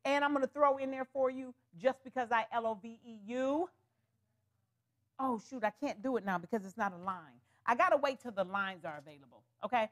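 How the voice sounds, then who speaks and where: High-pitched woman host selling wigs live, chatty, lots of honey and y'all. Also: a little fast, a bit bright. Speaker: host of a live wig sales show. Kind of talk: live shopping stream chat.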